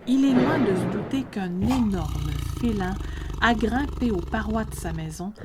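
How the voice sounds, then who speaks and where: Woman, storyteller, scripted narration, medium pitch. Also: expressive, unhurried, very noisy.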